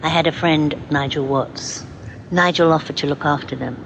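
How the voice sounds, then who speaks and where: A woman's voice: low voice, steady tone, normal speed, background noise. A woman from London telling her story in a heartfelt, direct way. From London, England. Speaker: mother, course graduate. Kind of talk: testimonial interview.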